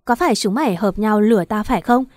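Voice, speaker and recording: A coarse male debt collector barks blunt threats in this audio story, read out by a woman. The tone stays mellow and dark despite the menace. The sound is dry and close. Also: mid-range voice, fast talker, no room sound, close to an everyday voice. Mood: threatening.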